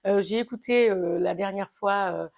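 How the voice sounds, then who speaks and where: A woman's voice: mid-range voice, normal speed, vocal fry, a little mellow. A woman in a casual discussion, chatty and agreeable, adding her own supporting points. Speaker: co-host in a discussion. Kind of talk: conversational discussion.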